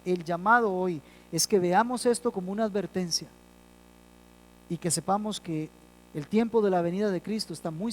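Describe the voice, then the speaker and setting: Male pastor, sermon delivery, dynamic swells and hushed endings, deliberate emphatic pacing. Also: sits high, slight background noise, poor audio. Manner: swells loud on key phrases, drops soft at line ends; slows down for emphasis.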